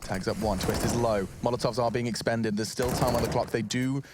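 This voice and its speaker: A man calling a competitive shooter match play-by-play, his voice leaping high when the action peaks. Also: brisk, heavy background noise. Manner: excitable, voice leaps high in big moments. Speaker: play-by-play esports caster. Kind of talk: esports play-by-play commentary.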